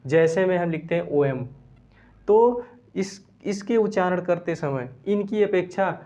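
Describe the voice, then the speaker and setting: A man teaching a grammar lesson, explaining step by step, repeating phrases and dictating definitions slowly word by word. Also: high voice, expressive, warm tone. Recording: dull lo-fi recording.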